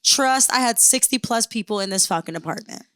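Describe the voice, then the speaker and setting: Young woman podcast co-host, high and bright, profane gossipy storyteller. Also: expressive, a little fast, clean tone, no echo. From New Jersey. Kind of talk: casual chat.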